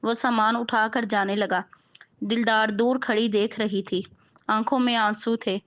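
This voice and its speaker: A woman narrating an emotional family story in a steady, sorrowful way. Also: fairly high pitch, a little slow. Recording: dull lo-fi recording.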